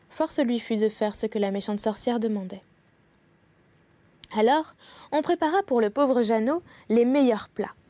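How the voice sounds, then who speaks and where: Mellow woman reading a fairy tale. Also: on the high side, no room sound. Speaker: storyteller.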